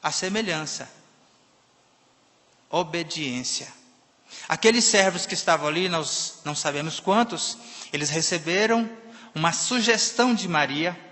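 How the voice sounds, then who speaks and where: A man preaching a sermon in a church, emphatic, swinging between loud and soft passages. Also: on the high side, expressive, a little slow, long pauses. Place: church sanctuary. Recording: long reverb of a church hall.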